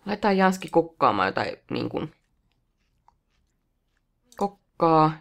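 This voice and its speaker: Casting note: woman let's play host, low gravelly voice, very animated pitch, chatty, talks to on-screen characters. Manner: chatty, talks to the game characters, rises to excited squeals. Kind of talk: casual game commentary.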